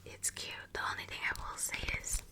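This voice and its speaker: A woman whispering close to the microphone, chatting in a rambling way and correcting herself as she goes. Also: a little fast. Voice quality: soft unvoiced whisper. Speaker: ASMR creator. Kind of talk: whispered ASMR movie recommendations. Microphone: close ASMR microphone.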